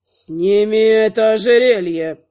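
A woman's voice: mid-range voice, steady tone, moderate pace, mellow, pitched below the performer's own voice, natural voice. A woman voicing a pushy, demanding male light magister.

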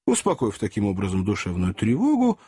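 A man's voice: on the low side, huge pitch swings, fairly quick, warm tone, breathy edge. A man reading a novel aloud as an audiobook, voicing every character expressively. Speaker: audiobook narrator. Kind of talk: scripted narration.

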